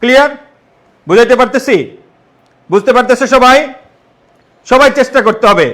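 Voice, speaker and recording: A young man with a Bangladeshi Bengali accent runs a live online Bengali grammar lesson. His voice sits high, and he keeps coaxing his students, asking the same question again and mixing in pep talks. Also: moderate pace, fairly bright tone. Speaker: online admission-test tutor.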